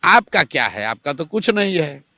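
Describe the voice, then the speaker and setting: Man, political interview, argumentative, bright tense voice, dry sound. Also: fairly high pitch, very animated, moderate pace, gravelly, no echo. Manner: forceful, argumentative, rhetorical questions. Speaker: interviewee, party supporter.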